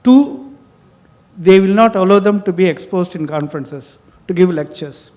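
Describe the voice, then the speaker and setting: An older man in his sixties with a South Indian accent delivers an informal tribute speech. His voice sits notably high for a man, and he talks in a reminiscing, anecdotal way. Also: moderate pace, a little mellow. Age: 60s. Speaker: senior doctor giving a tribute speech.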